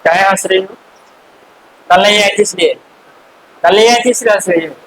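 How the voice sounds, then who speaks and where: Male classroom teacher, strikingly high-pitched, quizzes and scolds students, faint hissy recording. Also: fairly bright tone, low-quality recording. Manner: quizzes students with quick questions and answers; scolding, chatty asides to students. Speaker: chemistry teacher. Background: faint hiss.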